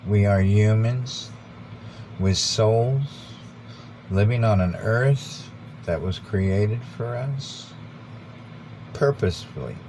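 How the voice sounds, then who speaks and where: Slow, low-voiced American man, mellow. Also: rough recording. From United States. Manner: earnest, deliberate, repeats phrases for emphasis. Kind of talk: informal rambling monologue. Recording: background noise with vehicle rumble.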